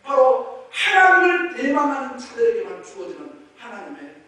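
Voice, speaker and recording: A man preaching a sermon as pastor, animated and swinging from soft asides to shouts. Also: very high-pitched, moderate pace. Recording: roomy echo, from far off, hiss.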